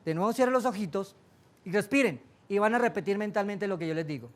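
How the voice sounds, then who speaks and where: A man leading a guided meditation workshop, talking slowly and soothingly and joking with the audience. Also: high-pitched. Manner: slow, soothing, with playful jokes to a live audience. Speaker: meditation instructor.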